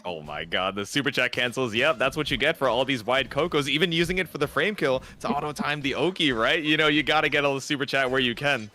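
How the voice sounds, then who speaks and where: A man giving analytical, excitable play-by-play commentary on a fighting game tournament, full of gamer slang. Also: medium pitch, quick pace, hardly any pauses. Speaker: esports commentator.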